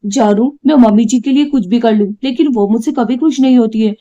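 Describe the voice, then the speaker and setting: A woman voicing a tearful, quarrelsome young wife in a cartoon, with a complaining, sharp-tongued manner. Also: fairly high pitch, brisk, dull audio, natural voice. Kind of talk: cartoon voice acting.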